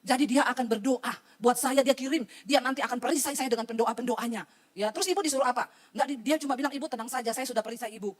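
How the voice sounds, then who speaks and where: Woman preacher, high voice, talks fast, chatty sermon, acts out the people in her stories. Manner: lively, colloquial, addresses the congregation directly, acts out quoted voices. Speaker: pastor. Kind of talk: sermon with storytelling.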